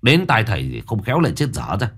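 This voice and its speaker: A man's voice: on the low side, huge pitch swings, fast, fairly bright tone, husky, full character voice. A man voicing a curt, stubborn middle-aged village man who scolds. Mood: gruff.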